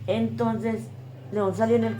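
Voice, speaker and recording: A woman's voice: a little high, little pitch movement, measured pace, mellow, faint music behind. An older woman with a Colombian Paisa accent giving an emotional oral history testimony, acting out the voices of the people in her story. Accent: Colombian Paisa Spanish. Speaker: interviewee.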